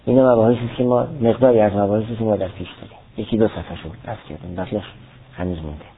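A man's voice: fairly low pitch, steady tone. A man giving a lecture that reads aloud a classical Arabic text and explains it line by line. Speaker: teacher of theology and logic. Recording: tinny phone-like recording.

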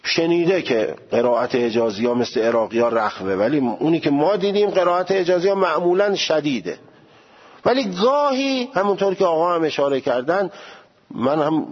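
A man's voice: mid-range voice, breathy edge, muffled recording. A man teaching a seminary class in religious law, explaining points at length and working through examples. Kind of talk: religious jurisprudence lecture.

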